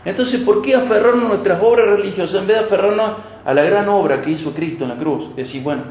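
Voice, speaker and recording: Emphatic Argentine pastor preaching, echoey hall. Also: male voice, high voice, fast, a little hiss or hum. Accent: Argentine Spanish. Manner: emphatic, with sudden loud peaks and soft drops. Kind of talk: expository sermon. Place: church hall.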